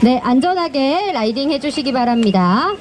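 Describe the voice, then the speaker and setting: Over the noise of passing vehicles, a woman speaks at normal speed in an expressive, high-pitched voice, delivering live announcements at an outdoor race start line. She guides the cyclists courteously, like customer service, and repeats safety instructions in an encouraging way.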